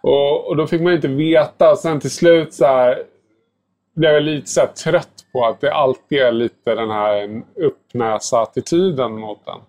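Male pastry chef guest, relaxed rambling talker, casual swearing. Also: medium pitch. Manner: relaxed, rambling, heavy filler words and mild swearing. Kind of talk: casual podcast chat.

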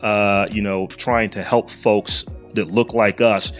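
A man's voice: fairly low pitch, fairly even intonation, takes it slowly, fairly bright tone, soft background music. A middle-aged man hosting a casual podcast. He reads a spotlight segment from his notes and breaks off into slangy, joking asides. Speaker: podcast host.

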